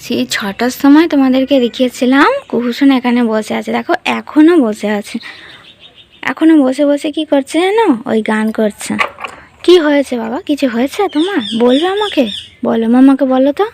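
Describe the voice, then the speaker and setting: A grandmother filming a home vlog, gently coaxing a child with sing-song questions. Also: high-pitched, lively intonation, moderate pace. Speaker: grandmother caring for a special child.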